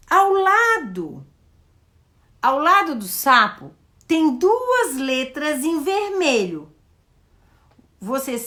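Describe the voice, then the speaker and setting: Animated Brazilian woman teaching slowly. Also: sits high. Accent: Brazilian Portuguese. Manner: explanatory, models questions to a child with slow emphasis. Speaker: educator hosting a live session. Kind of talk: live teaching talk.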